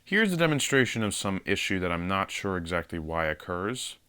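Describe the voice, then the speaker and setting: A man's voice: sits low, very animated, brisk, background noise. A man narrating an equipment demonstration, explaining each step in a matter-of-fact, methodical way. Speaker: fire alarm system demonstrator.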